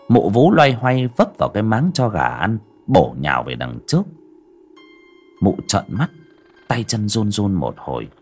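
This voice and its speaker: A man's voice: sits low, slightly rough. A man narrating a horror audiobook with dramatic storytelling.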